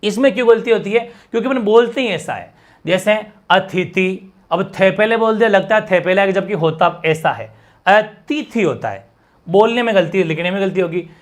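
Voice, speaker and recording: A man's voice: high voice, animated, a little fast. A male teacher teaching a language lesson for an exam, often checking in with his students and thanking viewers in the chat. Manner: explains with constant check-ins to students.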